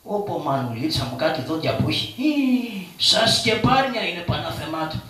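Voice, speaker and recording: A man's voice: a little high, very animated, fairly bright tone. A man voicing a poor, cowardly, joking male trickster of shadow theatre, who stammers and babbles in fear on a live stage. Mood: frightened. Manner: fearful comic babbling, stammers, calls on his mother. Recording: echoey live stage from a distance.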